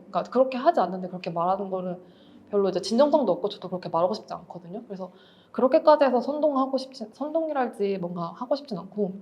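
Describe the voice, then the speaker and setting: Woman author in her thirties, candid lecture talk, quick delivery. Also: mid-range voice, dark tone. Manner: candid, reflective, explains with everyday examples. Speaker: author and writing teacher.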